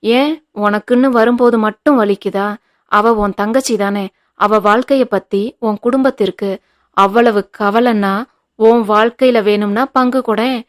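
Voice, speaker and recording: A woman voicing a stern, sharp-tongued older mother-in-law who scolds in cutting retorts, in an audiobook reading. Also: mid-range voice, steady tone, normal speed, close to an everyday voice. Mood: mocking.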